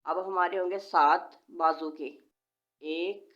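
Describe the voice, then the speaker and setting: Her voice sits on the low side, slow and fairly even in intonation, as she patiently counts stitches and explains knitting step by step. The woman hosts a knitting tutorial; a sore throat has slightly changed her voice. The home recording is lo-fi and dull.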